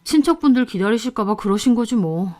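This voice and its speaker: A woman's voice: a little high, animated, fairly quick, a little mellow, close to an everyday voice. A woman voicing a flustered young husband who gives hesitant, evasive replies. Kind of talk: story narration with acted dialogue.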